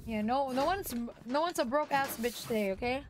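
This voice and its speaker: A young woman casting an esports match in casual, excitable commentary with gasping reactions. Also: sits high, brisk, a little hiss or hum. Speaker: esports co-caster.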